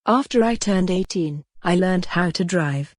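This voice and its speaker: A woman teaching English grammar, reading example sentences slowly and clearly in a scripted lesson. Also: fairly low pitch, dry recording, clean studio sound. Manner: slow, clear, deliberate reading.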